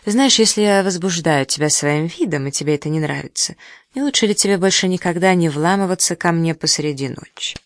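A reader voicing a sharp-tongued young woman who snorts and teases, in a storybook reading. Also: fairly low pitch, brisk, dry recording, studio quality, natural voice. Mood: teasing. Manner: mocking, teasing.

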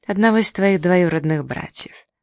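A woman's voice: lowish voice, normal speed, a little mellow, no echo, studio quality, natural voice. Tess, a reader voicing a teasing young woman. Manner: mocking, teasing.

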